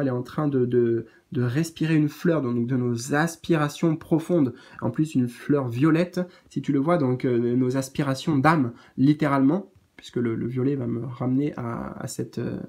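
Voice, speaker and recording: A man giving a gentle, reassuring spiritual card reading in a casual spoken style, pausing often with fillers. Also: medium pitch.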